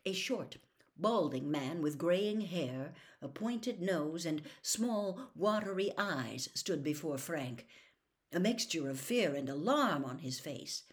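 A woman's voice: low voice, animated, slow pace. A woman reading a novel aloud as a storyteller, dramatic and dropping to a whisper for suspense.

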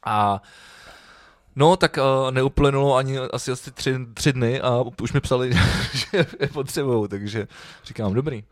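A man's voice: mid-range voice, no room sound, clean studio sound. A man co-hosting a casual chat show, laid-back, who swears often and laughs as he talks. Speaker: podcast co-host.

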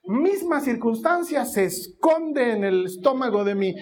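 A man's voice: very high-pitched, a little slow. A man preaching a sermon, telling a family story and acting out every voice in it. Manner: animated storytelling, acts out voices.

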